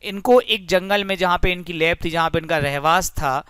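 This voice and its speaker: A man's voice: sits high, moderate pace, a bit bright, clear, resonant tone, no echo, studio quality. A young man teaching a physics lesson through a story, friendly and explanatory, often addressing the listeners as friends.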